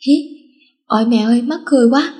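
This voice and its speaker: Woman reader voicing a brassy teen schoolgirl, higher voice, flippant teasing tone, audiobook. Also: quick pace, a little mellow, lightly acted. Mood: giggling. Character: cheeky mischievous teenage schoolgirl.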